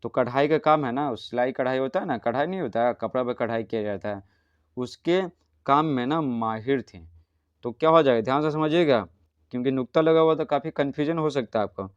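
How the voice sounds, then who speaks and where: A man's voice: mid-range voice, a little fast, clear, resonant tone, no echo, highs cut off. A man teaching a primary school language lesson, patiently asking questions and answering them himself. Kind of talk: explaining a school textbook lesson.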